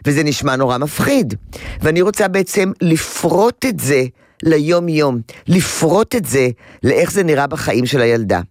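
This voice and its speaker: A man advising a caller on a radio program, animated, acting out quotes and repeating words for emphasis. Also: on the high side, dry recording, studio quality. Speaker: parenting advisor on a radio call-in. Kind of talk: advice to a caller.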